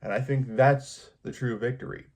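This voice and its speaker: A video creator gives his viewers an unscripted pep talk in a casual vlog monologue, rambling earnestly and repeating himself for emphasis. His medium-pitched voice is steady and a little mellow, at a moderate pace.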